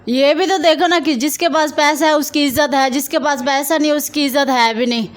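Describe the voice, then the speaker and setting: A woman's voice: high voice, steady tone. A woman dancer answering an interviewer's questions, defensive and irritated when pressed. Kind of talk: street interview.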